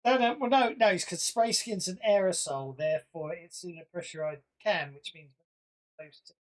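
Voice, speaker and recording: Halting, rambling game master. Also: male voice, high voice. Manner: rambling, halting, laughs often. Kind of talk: narrating a tabletop game.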